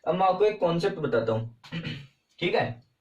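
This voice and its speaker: A man's voice: a little high, animated, moderate pace. A man with an Indian accent teaching a grammar lesson, often asking questions and answering them himself. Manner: repetitive, asks and answers own questions. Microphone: far from the mic. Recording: roomy, distant, dull sound.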